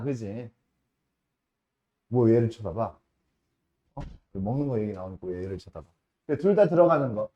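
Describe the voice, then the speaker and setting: A man teaching a math class in a casual lecture style, often checking with his students and slowing down to stress key terms. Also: on the high side, dark tone. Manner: casual, asks students frequent checking questions.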